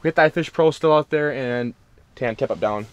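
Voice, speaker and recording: A young man chatting casually and excitably to the camera as a fishing vlogger inside a tent. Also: medium pitch, a little fast, smooth, dull audio. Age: young adult. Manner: excitable, slangy. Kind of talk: casual vlog chat. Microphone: camera a short distance away. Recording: faint noise on camera audio.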